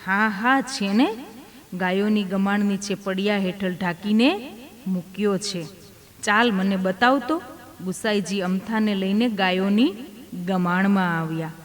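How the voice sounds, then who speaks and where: A woman narrating a devotional tale, speaking every character's lines herself. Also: medium pitch. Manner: voices each character in turn within the tale. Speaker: storyteller. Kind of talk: devotional storytelling. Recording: long hall reverb.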